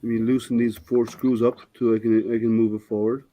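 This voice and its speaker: Warm in tone but flat in delivery, an older man's medium-pitched, slightly scratchy voice moves fairly quickly as he hosts a casual stream. He explains his printer with frequent fillers and restarts.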